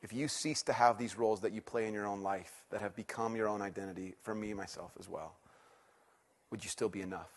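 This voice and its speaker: A middle-aged man with a fairly low voice preaches a sermon a little fast, serving as a teaching pastor for a church congregation. He keeps it conversational, makes fun of himself, and swings from loud excitement to hushed intensity.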